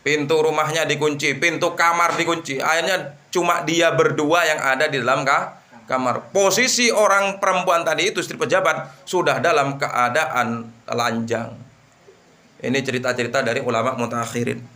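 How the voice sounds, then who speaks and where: A man teaching an Islamic book study, telling a moral story with lively rhetorical questions. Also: a little high, moderate pace. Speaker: religious teacher.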